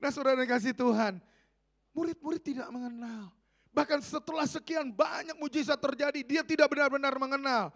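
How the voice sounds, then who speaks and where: A middle-aged man a slightly raspy voice, preaching a sermon, animated and joking, swinging between loud and soft. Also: very high-pitched, a little fast. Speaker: pastor.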